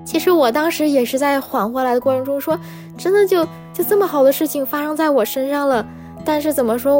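A woman from China with a high voice tells her own story, animated and emotional, her speech full of fillers. Soft music sits faintly underneath her. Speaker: storyteller recounting a scam. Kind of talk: personal story narration.

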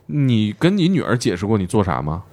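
A man hosting a casual interview, expressive and quick to react with short interjections. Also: fairly low pitch. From Northeast China. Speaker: podcast host.

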